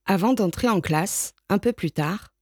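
A woman reading a storybook aloud in a calm, measured, unhurried way. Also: mid-range voice, husky, dry recording, studio quality.

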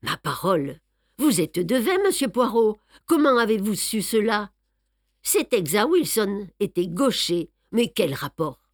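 A woman's voice: medium pitch, big pitch swings, unhurried, no echo, studio quality. A woman reading an audiobook, voicing a bluff, joking male police inspector with a bantering manner. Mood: astonished. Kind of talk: audiobook character voice.

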